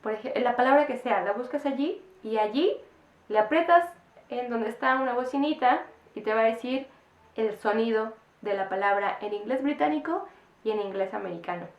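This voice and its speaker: A woman teacher, her voice sitting a little high with a gravelly, fry-edged texture. She explains things patiently to parents and repeats words slowly to model English sounds. The recording is in an echoey room.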